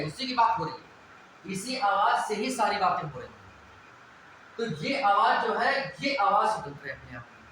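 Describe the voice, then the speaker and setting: A man's voice: high-pitched, pushed and bright. A male teacher giving a classroom lecture, asking questions and answering them himself and repeating the key points. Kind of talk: classroom lecture on Hindi grammar. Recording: very echoey room with background noise.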